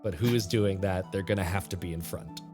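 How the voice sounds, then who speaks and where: A game master narrating a tabletop fantasy game, moving between playful banter and deliberate scene description. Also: sits low. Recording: background music under the voice.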